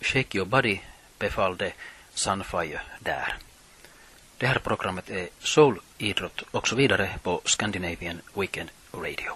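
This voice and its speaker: Male radio presenter, middle-aged, low husky voice, plain scripted read. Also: lively intonation, bright, forceful tone. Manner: reads from notes, measured and plain.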